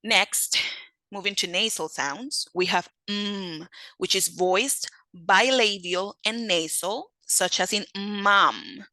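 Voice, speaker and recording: A woman gives a phonetics lesson at a slow, deliberate pace. She steps through each sound and repeats every example word. Her voice is bright and recorded dry. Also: mid-range voice, no echo, poor audio. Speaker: phonetics teacher. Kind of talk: lecture.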